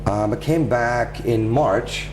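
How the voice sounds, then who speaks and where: Male interview guest, Toronto accent, mid-pitched conversational storyteller, noisy humming recording. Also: takes it slowly. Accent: Toronto Canadian. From Toronto, Canada, from age ten, born in England. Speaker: interview guest, music video director. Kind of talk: casual interview chat. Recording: loud background noise with hum.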